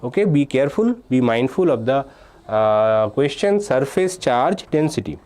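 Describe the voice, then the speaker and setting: A young Indian man teaches a live online physics exam-prep class, reading student names and answers from the chat. His medium-pitched, darkish voice is very animated at a measured pace, and he explains step by step, repeating key points between "uh"s and "okay"s.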